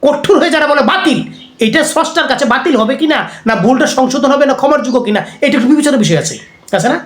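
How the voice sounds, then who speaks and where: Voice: high voice, animated, racing, echoey room. An Islamic preacher giving a conversational religious lecture, often putting rhetorical questions to the listeners.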